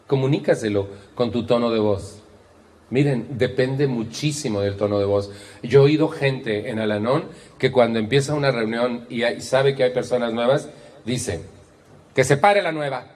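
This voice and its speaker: A man's voice: mid-range voice, normal speed. A middle-aged man with a Mexican accent giving a motivational talk on communication, acting out voices with wry humor. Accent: Mexican Spanish. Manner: animated storyteller, acts out voices, wry humor. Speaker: speaker on communication.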